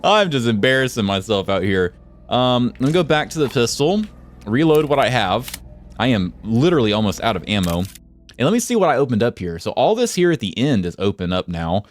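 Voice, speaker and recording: A man with a cold, hoarse and nasal, giving chatty, excitable let's play commentary. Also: medium pitch, brisk, soft background music. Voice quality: chatty, excitable, laughs often. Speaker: gaming YouTuber.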